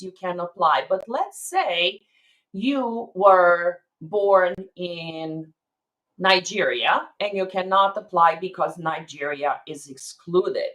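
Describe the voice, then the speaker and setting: A woman's voice: mid-range voice, a bit bright, poor audio. A woman immigration attorney answering viewers' questions on a live stream, explaining step by step and checking in with "okay?".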